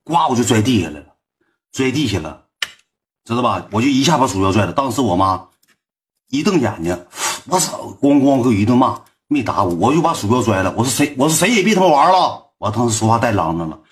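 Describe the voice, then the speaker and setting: Fast-talking Northeast Chinese young man. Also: fairly low pitch. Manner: slangy, swearing, animated retelling with repeated asides. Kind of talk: storytelling to a livestream audience.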